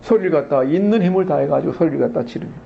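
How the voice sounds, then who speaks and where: A pastor preaching a Sunday sermon, asking his congregation questions and acting out the blind men's cries and the crowd's hushing. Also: fairly high pitch, rapid-fire, gravelly, lo-fi sound, a little hiss or hum. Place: church sanctuary.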